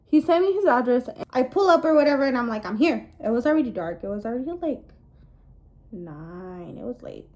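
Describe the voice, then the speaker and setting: Higher-pitched young woman dishing casual gossip. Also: a little fast. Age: young adult. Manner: gossipy, confiding, animated storytelling with girl-talk asides. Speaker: vlogger. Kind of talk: casual storytime chat to camera.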